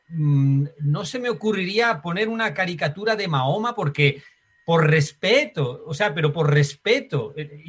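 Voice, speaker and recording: A man's voice: a little high, fairly bright tone, husky. A man with a Spanish accent talking reflectively as an interview guest, often tagging sentences with a questioning "right?". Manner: reflective, uses filler tags like "¿no?". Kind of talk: conversational interview.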